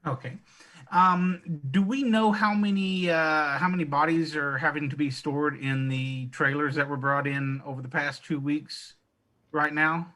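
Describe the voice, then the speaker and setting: Man, reporter, press conference questions, fairly high, bright tone. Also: fairly even intonation, unhurried. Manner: hesitant, many fillers.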